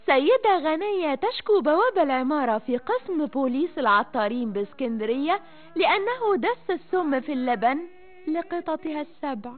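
Lady reading headlines, lively swings in pitch, thin old radio sound. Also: moderate pace, phone-quality sound. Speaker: announcer.

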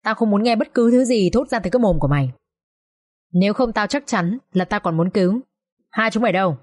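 A woman's voice: mid-range voice, expressive, fairly quick, darkish tone, close to an everyday voice. Lady narrator doing a cold angry young guy, harsh and cursing, audiobook. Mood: cold fury. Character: young man, grim and furious, hard-edged.

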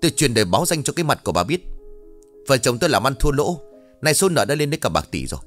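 A man's voice: quick pace, faint music behind, natural voice. A man voicing a greedy, harsh young daughter-in-law who snaps and hisses. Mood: scornful. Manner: shrill, spiteful, snapping.

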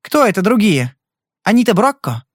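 A man's voice: high voice, big pitch swings, normal speed, no echo, clean studio sound, pitched above the performer's own voice. A man voicing a fierce, defensive middle-aged wife in an audiobook, speaking in an insistent, protective way. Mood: defiant.

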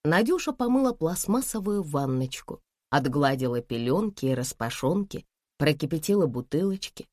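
A woman narrating an audiobook in a calm, measured reading voice close to the mic. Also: low-pitched, no room sound.

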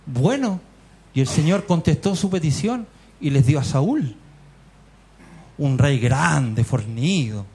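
Husky Chilean man preaching fervently. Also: fairly high pitch, animated, slow, long pauses, a little mellow. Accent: Chilean Spanish. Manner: fervent, rhetorical questions, keeps addressing listeners as brother. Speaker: lay preacher. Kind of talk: sermon. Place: church meeting hall.

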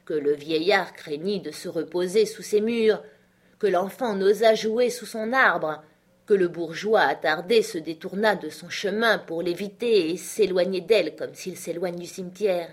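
A woman's voice: fairly low pitch, husky. Woman reading a classic novel. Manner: measured, expressive. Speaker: audiobook narrator. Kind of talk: literary audiobook reading.

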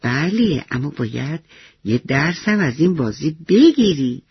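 A man voicing a kind, wise grandfather who speaks slowly and tenderly. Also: fairly high pitch, big pitch swings, gravelly, husky, dry recording, dull audio, full character voice. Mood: gentle. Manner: gentle, slow and tender.

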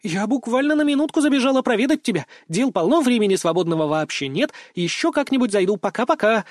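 A man voicing a chatty, cheeky teenage schoolgirl who teases with rapid-fire questions in an audiobook. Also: high-pitched, very animated, dry recording, clean studio sound, pitched above the performer's own voice. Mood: playful.

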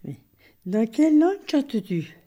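Brief: woman resident, halting speech, soft dark tone, echoey distant recording. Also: high voice, sing-song, highs cut off. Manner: slow, halting. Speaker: resident interviewer. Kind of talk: conversational interview. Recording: roomy, from far off.

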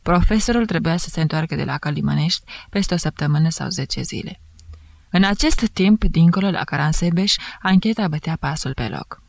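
A woman narrating a novel in a measured, steady storytelling voice. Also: low-pitched, vocal fry, no room sound. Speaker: audiobook reader. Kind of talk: scripted narration.

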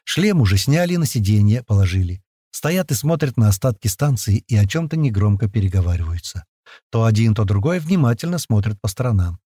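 A man narrating a first-person audiobook in a lively, slangy, conversational way. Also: on the low side, fairly quick, slightly rough, dry recording, clean studio sound.

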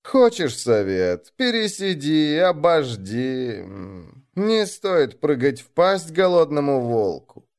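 A man voicing a sleepy, gruff older male chieftain in an audiobook, speaking in a slow, hoarse drawl. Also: a little high, very animated. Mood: weary. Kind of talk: audiobook character voice.

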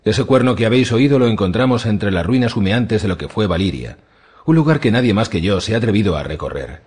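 A man's voice: fairly low pitch, animated, fast, darkish tone, slightly rough. A man voicing a scheming, ambitious male pirate lord in an audiobook reading, with a boastful, grandiose manner.

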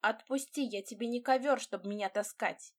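Woman voicing a young bride, defiant, sarcastic, sharp-tongued, audiobook. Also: medium pitch, normal speed, natural voice. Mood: furious.

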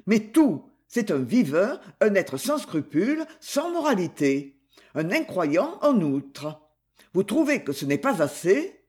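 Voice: medium pitch, big pitch swings, slow pace, darkish tone. Reader playing a stern old colonel, clipped and indignant, audiobook. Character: stern old male colonel, quick to anger. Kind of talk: audiobook character reading.

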